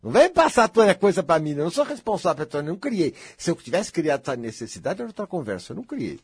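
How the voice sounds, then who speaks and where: Emphatic Brazilian man, lively husky voice. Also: on the high side, very fast, dry recording, studio quality. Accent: Brazilian Portuguese. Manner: emphatic and repetitive, insistent. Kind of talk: lecture to an audience.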